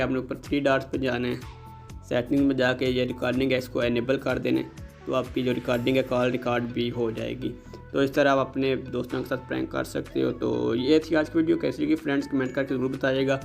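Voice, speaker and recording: With a creaky, fry-textured voice that stays fairly flat in pitch, a man who hosts a tech tutorial channel presents a phone app tutorial at a fairly quick pace. He is polite and casual, and music plays softly in the background.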